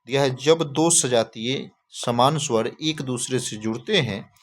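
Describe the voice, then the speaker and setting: A man teaching a grammar lesson, reading out lists slowly and quizzing with repeated questions. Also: mid-range voice. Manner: slow, repeats key terms as questions.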